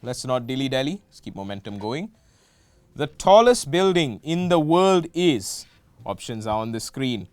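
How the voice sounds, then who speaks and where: A man's voice: mid-range voice, sing-song, a little slow, a little mellow, clean tone, no echo. A young man hosting a student game show, playful with jokey asides. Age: young adult.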